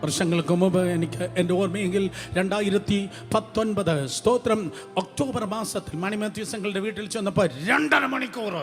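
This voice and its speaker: A man preaching a sermon to a congregation, fervent and repetitive, calling out to the listeners and shouting at the peaks. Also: high-pitched, moderate pace, faint music behind. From India.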